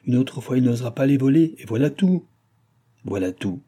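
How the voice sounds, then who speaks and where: A man playing a gruff, impatient village judge who gives brusque commands. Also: medium pitch, lively intonation, moderate pace, mellow, pitched above the performer's own voice.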